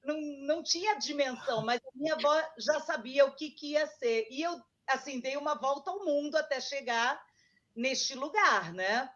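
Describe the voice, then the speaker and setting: A woman's voice: sits high, moderate pace, a bit bright, highs cut off. A woman from Argentina, a guest author, chatting casually and reminiscing about her childhood. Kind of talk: casual interview chat.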